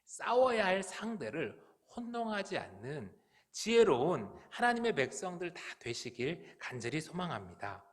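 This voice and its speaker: Male pastor, church sermon, high and very lively pitch, earnest questioning delivery. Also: normal speed. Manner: earnest, rhetorical questions to the congregation. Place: church sanctuary.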